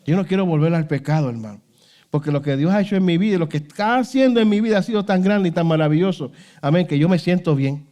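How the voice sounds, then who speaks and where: Fervent high-voiced pastor. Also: male voice, fast talker, dark tone. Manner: fervent preaching, constant "hermano" and "aleluya" interjections; rhetorical questions, voice rises and falls sharply. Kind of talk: sermon.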